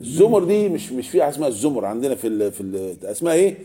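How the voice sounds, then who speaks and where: A man's voice: mid-range voice, expressive, very fast, dark tone. A man with an Egyptian Arabic accent teaching a lesson on Quranic verses, often asking the class a question and answering it himself. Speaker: religious teacher.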